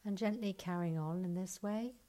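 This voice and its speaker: A woman leading a guided breathing exercise, counting breaths and giving calm, soft instructions, sometimes close to a whisper. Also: on the low side. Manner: slow soothing counting instructions.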